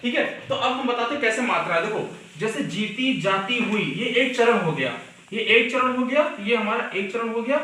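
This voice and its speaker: A man teaching a Hindi exam chapter, mixing English and Hindi and repeating key points slowly. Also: very high voice, bright, forceful tone, a little hiss or hum. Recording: echoey room, mic far off.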